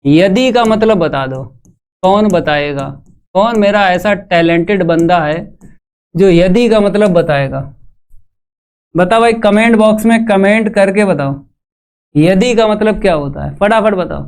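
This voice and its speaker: A man's voice: sits high, unhurried, clear, resonant tone. A man teaching maths in a live online class, walking students through each step and putting questions to the chat. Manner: calls students "bhai".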